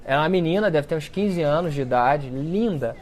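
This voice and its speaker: A man giving a storytelling talk to an audience, acting out the quoted speech with lively shifts in his voice. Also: a little high, brisk. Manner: animated storyteller who acts out quoted speech. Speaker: speaker at a book launch talk. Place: lecture event before an audience.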